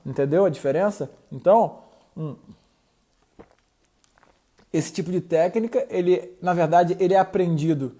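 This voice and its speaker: A man's voice: sits high, moderate pace, long pauses, warm tone. A young man hosting a podcast, explaining clinical interview techniques in a casual, rambling way with slangy asides and self-corrections. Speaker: podcast host. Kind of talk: casual educational talk.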